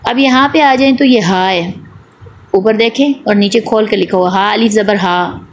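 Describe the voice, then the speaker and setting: A woman's voice: mid-range voice, moderate pace. A woman teaching Quran recitation in an online class, patiently repeating each point, asking and answering her own questions, and drawing out vowel sounds to demonstrate. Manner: draws out the long vowel sounds when demonstrating.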